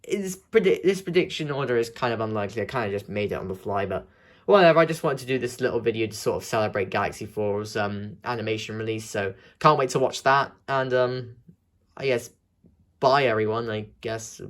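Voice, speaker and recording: A man's voice: on the low side, animated, brisk. A young man with the hiccups, rambling through casual vlog commentary with many restarts and fillers. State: has the hiccups. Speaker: video creator.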